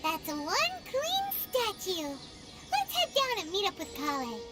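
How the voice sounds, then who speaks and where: A woman voicing a tiny, chatty and excitable floating fairy girl companion in a game, with a high, squeaky voice. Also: a little slow, full character voice. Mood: curious. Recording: game audio with music behind.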